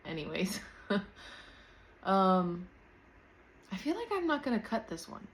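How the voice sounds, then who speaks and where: In pajamas at home, a thirty-year-old woman runs her own podcast, talking loosely and candidly without a script and now and then laughing lightly. Her mid-range voice is unhurried with big pitch swings, captured with slight background noise by her camera's built-in mic, her external mic left unplugged.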